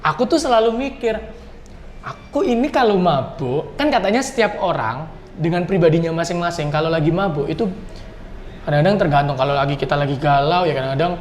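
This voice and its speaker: A man's voice: on the high side, brisk. Chatty man, echoey room. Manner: animated storyteller, repeats words. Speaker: podcast host. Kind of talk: casual chat. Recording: echoey room with light noise.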